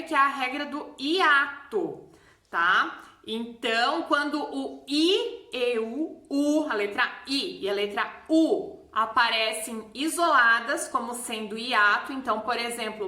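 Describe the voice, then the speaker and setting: A woman teacher with a Brazilian Portuguese accent patiently explaining a grammar lesson, repeating example words slowly. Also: a little high, sharp tone. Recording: echoey room.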